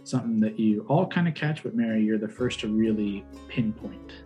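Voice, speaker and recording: A man's voice: fairly low pitch, warm tone. Man narrating a fantasy game over music. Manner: halting, descriptive delivery. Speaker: game master. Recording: music behind the voice. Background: background music with guitar.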